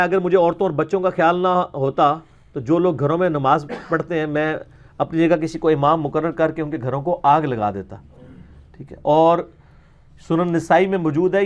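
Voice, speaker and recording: In an informal religious lecture, a man with a Pakistani Punjabi accent argues his points colloquially, asking rhetorical questions and mixing in English words. His voice sits high.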